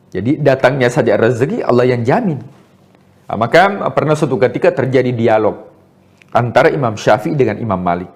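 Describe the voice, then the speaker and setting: Lively, rising-and-falling male preacher. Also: on the high side. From Indonesia. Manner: rhetorical questions, emphatic rises and soft drops. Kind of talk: sermon.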